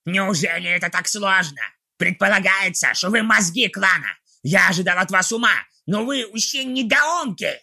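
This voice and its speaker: A shrill raspy goblin warlord. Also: male voice, moderate pace, bright, forceful tone, heavily acted. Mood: ranting. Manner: barking, ranting orders. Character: cruel scheming male goblin warlord, short-tempered.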